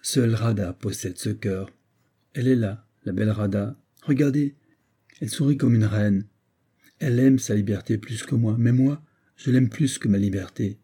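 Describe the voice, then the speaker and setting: A man's voice: on the low side, normal speed, dark tone, breathy edge. A man voicing a proud young Romani horse thief who speaks in a solemn, declaiming way in a spoken audiobook.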